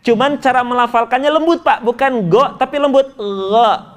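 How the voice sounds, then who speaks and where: A man leads a Quran pronunciation lesson. He jokes with his students and draws each Arabic sound out slowly for them to copy. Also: very high voice, fairly even intonation. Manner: jokey, coaxing, models sounds slowly. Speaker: Quran reading teacher.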